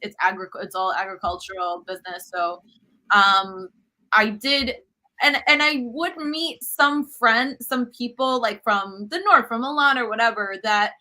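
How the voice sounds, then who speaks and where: Over a low-quality video call from her home, a cooking show host from New York, US, tells stories as an interview guest. She's expressive and unhurried, with a high-ish, bright, pushed voice, and her talk is peppered with fillers and restarts.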